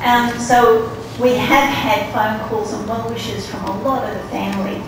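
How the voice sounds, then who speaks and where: High-voiced woman giving a laughing wedding toast. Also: fairly even intonation, unhurried. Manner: chatty and laughing, teasing asides. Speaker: best man giving a wedding speech. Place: reception room, indoors. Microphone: handheld mic, filmed from across the room. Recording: very echoey room, far camera, loud hiss.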